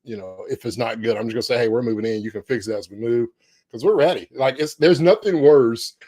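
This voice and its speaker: Warm-toned and fast-talking at medium pitch, a middle-aged man chats casually as a podcast co-host. He records from a corner of his home on a podcast microphone with no room sound, upbeat but full of fillers and restarts.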